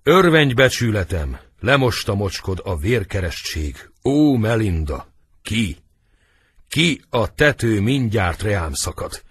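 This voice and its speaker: A man's voice: fairly low pitch, very animated, a bit bright, breathy edge, no echo, pitched above the performer's own voice, exaggerated voice. A man voicing a tormented, vengeful middle-aged nobleman in a dramatic audiobook reading. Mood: anguished. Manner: raised, declamatory stage delivery.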